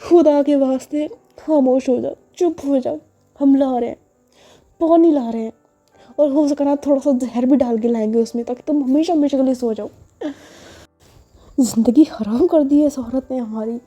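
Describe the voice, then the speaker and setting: Woman playing a sharp-tongued, scolding young woman. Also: high voice, moderate pace, soft background music. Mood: angry.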